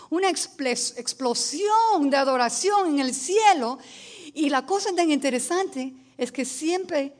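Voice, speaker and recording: A woman preaching a sermon, telling stories and building to emphatic declarations, with English words mixed into her speech. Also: high-pitched. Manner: storytelling, rising to emphatic declarations.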